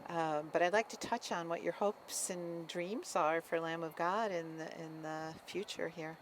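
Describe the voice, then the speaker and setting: A woman pastor leads a relaxed interview in a very low, measured voice. A faint hum of vehicle noise sits behind her. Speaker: pastor and host. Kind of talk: casual interview chat.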